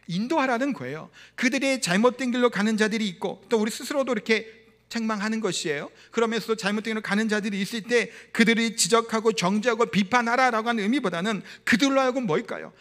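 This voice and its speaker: Male pastor, high voice, lively storytelling sermon with questions to the flock. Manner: animated storytelling, questions to the congregation.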